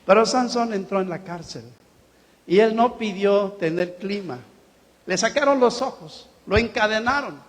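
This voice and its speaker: Animated preacher in a reverberant hall. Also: male voice, high voice, unhurried. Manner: animated preaching with acted-out quotes and laughs. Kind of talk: sermon.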